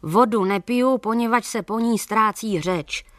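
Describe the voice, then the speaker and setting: A woman's voice: fairly high pitch, fairly bright tone, no echo, clean studio sound, pitched above the performer's own voice, natural voice. A woman voicing a sly, poor older male peddler who talks in a wheedling way, mixing in German and Yiddish words.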